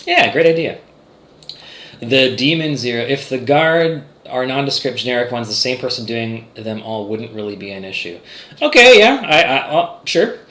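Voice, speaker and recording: A man chats loosely with his viewers while streaming from home, full of fillers and restarts. His voice is bright and forward. The room gives it a noticeable echo. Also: medium pitch, expressive, normal speed. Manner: rambling, many fillers and restarts. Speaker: game developer streamer. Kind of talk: casual livestream chat reading chat.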